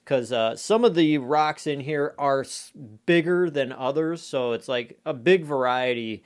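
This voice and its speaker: An adult man reviews candy in a casual, rambling, conversational way, often dropping filler phrases like "you know." His medium-pitched voice is smooth and measured.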